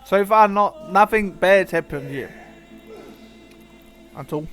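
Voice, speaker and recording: A man's voice: high voice, slow, fairly bright tone, faint music behind. A young man with a broad New Zealand accent gives casual, slangy reaction commentary as a YouTube host, chatting loosely.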